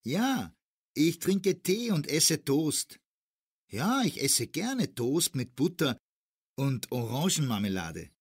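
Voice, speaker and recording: A man acting a cheerful, fit man giving health tips in a scripted language-lesson dialogue, phrasing slowly and clearly. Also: on the high side, very animated, no echo, studio quality, full character voice. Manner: slow, clearly spaced phrasing.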